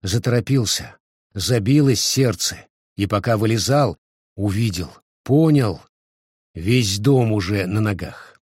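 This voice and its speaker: Slow, husky male storyteller. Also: lowish voice, expressive, a little mellow, dry recording, studio quality. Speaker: reader. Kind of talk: reading fiction aloud.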